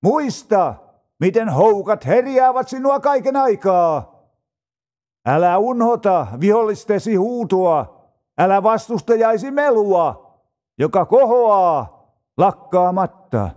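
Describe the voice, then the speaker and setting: A man reads psalms aloud with slow, solemn phrasing. His voice sits high for a man and moves over a wide, lively melodic range. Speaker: scripture reader.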